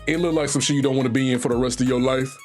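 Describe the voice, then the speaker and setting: A man's voice: mid-range voice, fairly even intonation, racing, a little mellow, soft background music. A young man from Virginia with a Southern accent, telling a profane, slangy story on a live stream and acting out what other people said. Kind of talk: casual storytelling.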